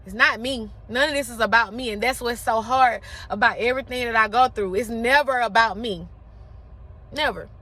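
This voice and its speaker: A woman's voice: fairly high pitch, normal speed, sharp tone. A woman around forty giving an emphatic, impassioned motivational talk, repeating phrases for effect.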